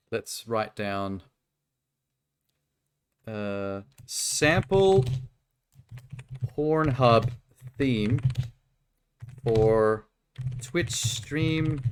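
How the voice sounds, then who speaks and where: A man's voice: lowish voice, slight background noise. A man streaming a game with casual, joking, sweary commentary. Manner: irreverent, sweary. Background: game music, keyboard typing.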